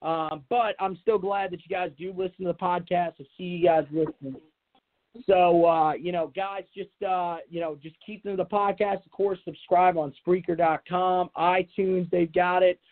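A man's voice: high voice, fairly even intonation, moderate pace. A man hosting a sports podcast solo, talking casually and off the cuff in a rambling way with many filler phrases. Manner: rambling, repeats filler phrases like "you know". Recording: tinny, narrow phone-like sound.

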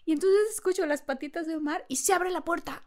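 A woman with a very high voice talks fast as a podcast guest, telling a funny anecdote. She is a lively storyteller who acts out the voices and laughs often.

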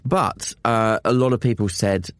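A man's voice: fairly low pitch, fairly even intonation, measured pace, no room sound, clean studio sound. A British man chatting casually and wryly as a podcast co-host. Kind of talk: casual chat.

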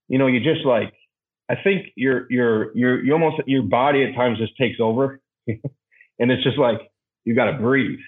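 Halting man on a tinny line. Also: medium pitch. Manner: halting, searching for words with many restarts. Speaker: podcast guest. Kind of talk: reflective podcast conversation.

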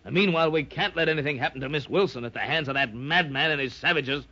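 Hearty, decisive sea captain. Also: male voice, on the high side, fast talker, pushed and bright. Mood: resolute. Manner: hearty nautical talk. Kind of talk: old-time radio adventure acting. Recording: dull lo-fi old radio recording.

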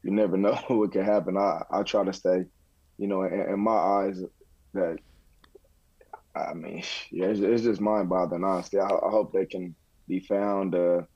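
A man chatting casually as a podcast contributor, halting and repeating words in a laid-back way. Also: low-pitched, fairly even intonation, dark tone, breathy edge, dry recording, muffled recording. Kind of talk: casual chat.

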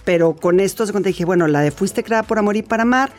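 A woman's voice: mid-range voice, quick pace, faint music behind. Chatty Mexican woman telling her story. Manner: chatty and storytelling, with frequent restarts. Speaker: laughter therapy expert guest. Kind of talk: conversational interview.

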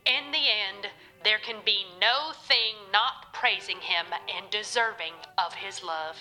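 A woman's voice: medium pitch, unhurried, bright, forceful tone, soft background music, poor audio. An actress playing a devout wife who speaks earnestly of what the Lord tells her. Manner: earnest, prophetic phrasing. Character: pious, mystic wife who hears the Lord. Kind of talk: audio drama acting.

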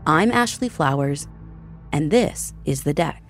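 A woman hosting a podcast, narrating a true-crime story from a script in a measured, dramatic way. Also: low-pitched, lively intonation, music in the background.

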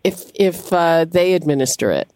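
A woman's voice: on the low side, lively intonation, normal speed, a little mellow. A woman hosting a call-in radio show, talking with frequent fillers and restarts. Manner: hesitant, many fillers and restarts. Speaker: radio host.

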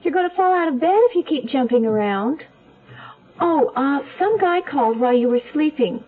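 A teasing, bored young dame. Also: female voice, high voice, animated, moderate pace. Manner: teasing, languid. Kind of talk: 1970s radio drama acting. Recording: tinny old radio broadcast.

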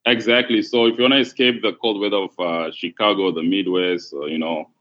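A man from Congo, a podcast guest, talking in a relaxed, unhurried way with many fillers. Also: low-pitched. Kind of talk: casual interview. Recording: dull lo-fi sound.

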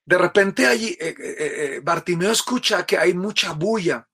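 A man's voice: sits high, animated, moderate pace, a bit bright, husky. A man giving an earnest, storytelling sermon and speaking straight to the listener. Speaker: preacher. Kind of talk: sermon-like spiritual reflection.

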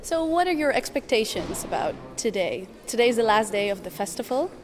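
A woman's voice: a little high, very animated, a little fast. A woman interviewer asking casual questions, rephrasing as she goes. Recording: crowd chatter at a festival.

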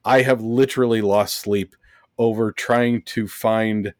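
A man co-hosting a casual podcast chat, wry and deadpan, who swears casually as he lays out his picks. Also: fairly low pitch, measured pace, no echo, studio quality. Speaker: podcast co-host.

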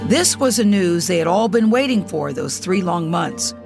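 A woman narrating a news feature in a measured, serious way. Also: lowish voice, animated, gravelly. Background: music bed.

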